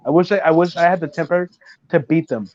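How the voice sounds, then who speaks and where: A man chatting casually and telling stories in an animated way, full of swearing. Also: a little high, fast talker, no room sound. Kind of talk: casual chat. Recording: dull lo-fi sound.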